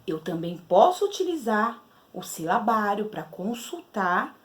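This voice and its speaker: Woman teacher, Brazilian Portuguese accent, animated pitch, slow and patient. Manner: slow, patient, explaining step by step. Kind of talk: literacy lesson to children.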